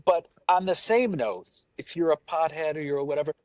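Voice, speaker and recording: A man's voice: fairly high pitch, fairly quick, a little mellow, dry recording. Rambling self-mocking man, dry close sound. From Pacific Northwest. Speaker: podcast co-host. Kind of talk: casual chat.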